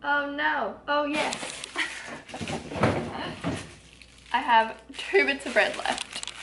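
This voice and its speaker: A young woman with a New Zealand accent talks straight to her camera, upbeat and rambling, with plenty of "like". Her voice sits high. A steady hiss of noise runs under the home kitchen recording. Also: measured pace. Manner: chatty, upbeat, rambling with many "like"s. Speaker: fitness vlogger. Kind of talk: casual vlog chat.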